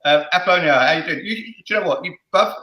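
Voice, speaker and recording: In a roomy, echoey recording, a middle-aged football fan show host talks fast in a high, expressive, sharp voice. He stumbles through the casual chat with stammering repetitions, keeping it jokey, crude, and full of swearing.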